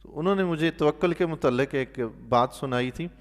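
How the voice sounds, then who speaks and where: With a voice on the high side and a long reverb tail, this mosque imam tells stories while commenting on the Quran in sermon fashion. Emphatic moments burst out loud, while his pious exclamations come as soft, hushed asides.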